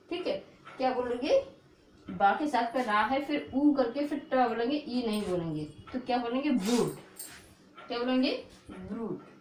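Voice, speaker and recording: High-voiced woman teaching in an echoey room. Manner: repetitive, drilling questions like "what will you read?". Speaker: English teacher. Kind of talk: board lesson for a video. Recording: echoey room with faint hiss.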